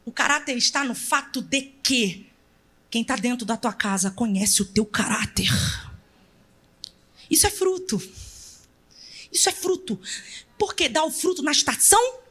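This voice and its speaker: A middle-aged woman with a Brazilian accent preaching a sermon in a church. She tells stories animatedly, acts out family members and shouts for emphasis. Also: a little high, animated, moderate pace, pauses often. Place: church sanctuary.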